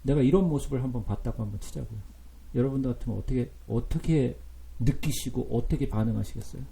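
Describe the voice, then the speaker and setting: A man's voice: medium pitch, fast talker, gravelly, mellow. Earnest, emotional male Bible teacher. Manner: emotional, earnest, asks the audience questions. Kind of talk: sermon-style Bible teaching.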